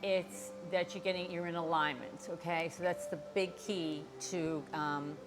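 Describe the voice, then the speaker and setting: A woman's voice: fairly low pitch, fairly even intonation, a little slow. An older woman, teaching a yoga class as instructor and explaining things encouragingly, straight to her viewers. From Boston area, United States. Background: music.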